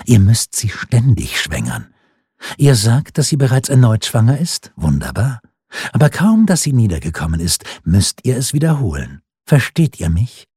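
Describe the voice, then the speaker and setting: A man's voice: mid-range voice, very animated, normal speed, dark tone, breathy edge, no echo, studio quality. A man reading the part of a cold, scheming noblewoman who commands the king. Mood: insistent. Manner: commanding, insistent.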